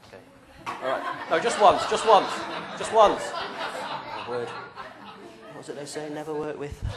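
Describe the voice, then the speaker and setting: A loud crowd and heavy background noise surround a young man leading a youth group, who talks into a handheld mic with game-show playfulness and jokes. His fairly high voice has lively intonation and a slightly slow pace. The setting is a small church hall with a stage and drum kit.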